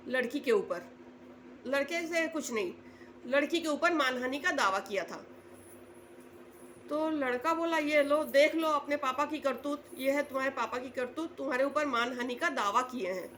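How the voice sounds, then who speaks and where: A woman with a high-pitched voice tells a family story in a relaxed, conversational way. She slips into the quoted lines with a lowered voice. Faint noise sits behind her. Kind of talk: casual spoken storytelling.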